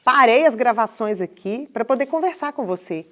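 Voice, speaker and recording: A woman's voice: a little high, animated, moderate pace, sharp tone. A woman from Brazil hosting an interview show, speaking directly to her viewers and putting questions to her guests. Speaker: podcast host, interviewer. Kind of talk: interview host.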